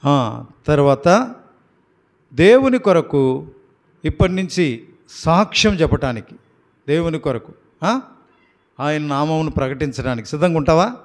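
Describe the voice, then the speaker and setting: A pastor from Andhra Pradesh in a prayer house, firmly and coaxingly questioning baptism candidates one by one. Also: male voice, a little high, lively intonation, unhurried, long pauses.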